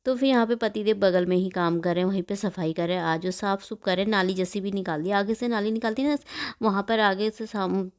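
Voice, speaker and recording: A middle-aged woman vlogger who talks quickly and rambles while narrating her morning cooking and chores. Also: medium pitch, fairly even intonation, clean tone. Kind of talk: chatty voice-over about her morning cooking.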